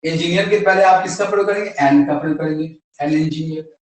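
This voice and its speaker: A man's voice: on the high side, fast talker. A man with an Indian accent, an English teacher, giving a classroom grammar lesson and answering his own questions. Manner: asks questions and answers them himself. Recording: very echoey room, voice from far off.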